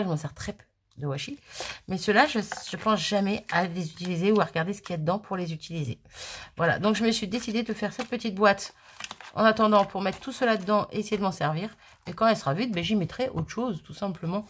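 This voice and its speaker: A woman with a fairly low voice talks through her crafting project in a loose, rambling way, often laughing at her own slips. A faint hiss sits under the recording. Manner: chatty, rambling, self-mocking with little laughs. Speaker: crafting video host. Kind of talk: casual crafting vlog.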